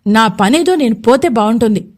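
A woman voicing a scheming lowly male servant who fawns and pleads with his master in an audio story. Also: animated, normal speed, darkish tone, lightly acted. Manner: fawning, pleading, gossipy.

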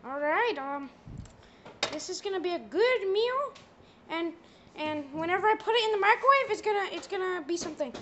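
A man's voice: expressive, normal speed, a bit bright, slight background noise. A young man voicing Mickey Mouse as a crude, bumbling cook in a comedy skit with a plush toy. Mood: goofy. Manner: high squeaky put-on voice, swearing, drawling.

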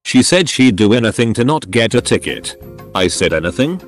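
A man narrating forum stories in a steady, matter-of-fact reading voice. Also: medium pitch, normal speed. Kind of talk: scripted narration. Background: faint background music.

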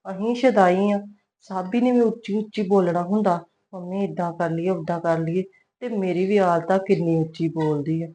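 A woman's voice: lowish voice, fairly even intonation, moderate pace, warm tone, slight background noise, lightly acted. Woman playing a grumbling, suspicious mother-in-law. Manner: mutters scornful asides to herself. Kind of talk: web series drama.

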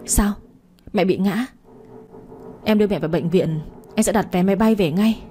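A woman voicing a worried middle-aged husband in a radio story, speaking calmly and reassuringly. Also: mid-range voice, normal speed, a little hiss or hum, natural voice. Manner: calm, reassuring.

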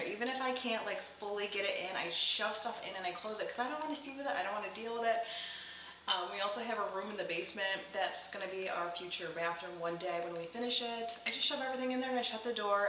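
A woman in her thirties talks in a loose, rambling way, filling her sentences with "like" and "um". Her voice is bright and forward. She sounds a little far from the microphone, in a very echoey home kitchen with a faint hiss behind her. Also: mid-range voice. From New York state. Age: 30s. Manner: chatty, rambling, lots of "like" and "um". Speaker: lifestyle vlogger. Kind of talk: casual clean-with-me voice-over. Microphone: far camera.

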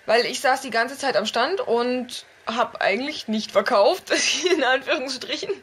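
A young woman chatting in a bubbly, playful way as a vlog co-host, recorded in a small dark room. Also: high-pitched, breathy edge. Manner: bubbly, playful, quick asides. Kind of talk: casual chat.

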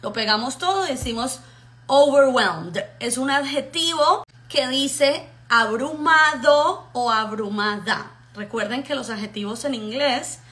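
Lively woman teaching English vocabulary. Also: high-pitched. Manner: lively, drills words slowly and repeats them; addresses learners as muchachos, checks with ok. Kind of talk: casual vocabulary lesson.

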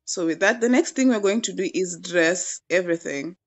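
In lo-fi sound, a young cooking vlogger in her twenties narrates a home cooking session at a normal speed. She's casual and playful, full of enthusiasm for the food, and her voice is on the low side.

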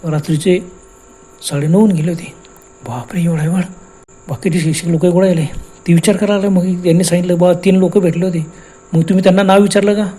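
A man's voice: sits high, warm tone. A man narrating a first-person ghost story in a plain conversational way, voicing his companions' words himself. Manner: plain conversational telling, quoting companions' dialogue.

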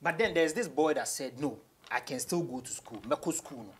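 In a small radio studio office, a young Ghanaian rapper gives an interview, talking casually and fairly quickly while mixing English and Twi. His husky voice is on the high side, and the background is noisy.

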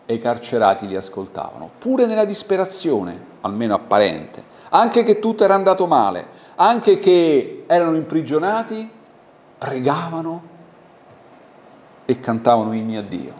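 Animated Italian man preaching in an echoey hall. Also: on the high side, a little slow. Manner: animated, conversational preaching with questions to the congregation. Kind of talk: sermon. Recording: echoey church hall with faint background noise.

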